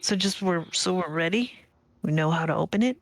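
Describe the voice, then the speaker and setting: A player at an online tabletop game, thinking aloud strategy in halting, restarted questions. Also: medium pitch, no room sound. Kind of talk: casual game table chat.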